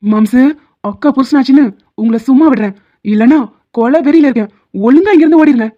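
A woman voicing a playful, teasing young man in an animated series, bantering and quick to anger. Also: high-pitched. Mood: irritated. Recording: phone-like lo-fi sound, faint music.

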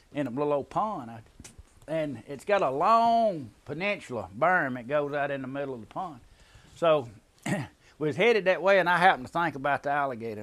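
A man's voice: on the high side, a bit bright. An older man with a Southern US accent, rambling through a folksy family tale and chuckling along the way. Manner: drawling, rambling, chuckles at his own tale. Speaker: storyteller.

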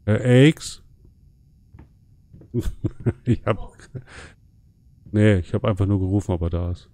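Male streamer, gravelly, dark low voice, joking casual horror-game commentary. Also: slow. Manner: joking, chatty, talks to his chat.

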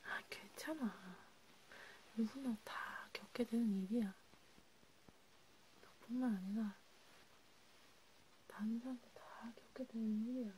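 A woman in a whispered role-play, comforting a friend softly and soothingly, slipping between a quiet voice and a whisper. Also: a little high, takes it slowly, pauses often, a little hiss or hum, low-quality recording. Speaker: ASMR creator.

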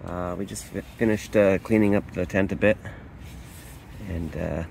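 A man from Canada giving a casual tour of his camping setup inside a hot tent, pausing often with uh and restarting sentences. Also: sits low, fairly even intonation, vocal fry, darkish tone, slight background noise. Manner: halting, lots of uh and restarts. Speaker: camping vlogger.

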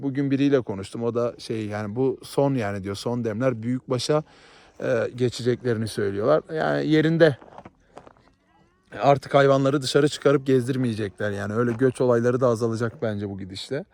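A man's voice: mid-range voice, a little fast, vocal fry, darkish tone, dry recording. A man from Southeast Turkey vlogging outdoors in a rural village, chatty and playful with a teasing manner. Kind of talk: casual vlog chat.

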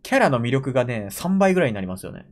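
A desk mic at home catches a young Japanese anime reaction streamer in his gaming chair, muttering casual commentary to himself with frequent exclamations as he watches. He speaks fast at a medium pitch in a sing-song way.

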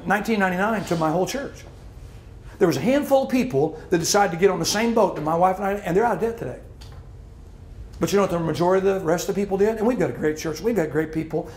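A man's voice: sits high, darkish tone, roomy sound, slight background noise. A middle-aged man preaching a sermon as pastor, emphatic and repeating his key lines. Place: church hall.

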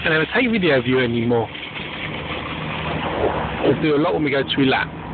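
A man's voice: medium pitch, animated, fairly quick, phone-quality sound, very noisy. A man filming his young child, coaxing him in a sing-song way in an old home video recorded on camcorder audio. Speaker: parent filming his toddler.

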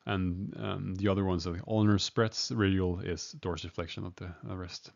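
A man with a gravelly, fairly low voice gives a casual medical teaching talk, stopping and restarting often with plenty of ums. The recording sounds dull and lo-fi. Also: fairly even intonation, normal speed. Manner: hesitant, many fillers and restarts, chuckles at himself. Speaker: emergency medicine lecturer. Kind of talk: informal medical lecture.

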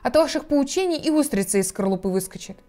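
A woman's voice: sits high, animated, fast talker, mellow, faint music behind, voice pushed up. A woman voicing a cheeky young crab snapping back at her mother in a storybook reading. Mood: snappish.

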